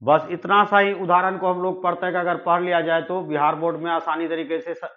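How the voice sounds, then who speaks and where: A man leads an exam-prep grammar class, his voice pitched a little high. He goes through examples one by one, repeating them for his students. The recording is muffled and lo-fi. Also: flat delivery, brisk. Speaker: teacher.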